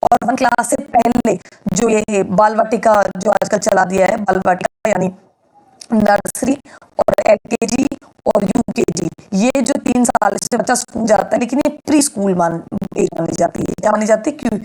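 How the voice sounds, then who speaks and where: A woman's voice: mid-range voice, moderate pace, darkish tone, low-quality recording. A woman teaching an exam-prep lecture, explaining step by step and asking and answering her own questions.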